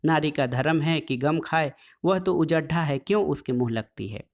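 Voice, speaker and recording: A man voicing a calm, moralizing village elder who gently reproves others, read from a storybook. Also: fairly high pitch, moderate pace, lightly acted. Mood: reproving.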